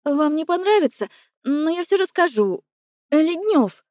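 A warm, caring assistant, sisterly and a little older, voiced by a woman narrator. She speaks gently and apologetically in a high, mellow voice. The audiobook recording is close and dry. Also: very animated, a little slow, no room sound. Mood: apologetic. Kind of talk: audiobook character voice.

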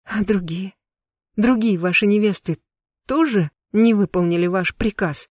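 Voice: medium pitch, a little mellow, lightly acted. A frightened young noble lady from an audiobook who stammers and stumbles over her words, as a reader puts her on. The voice is dry and close, with no room echo. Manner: halting, stammering pleas. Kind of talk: audiobook narration.

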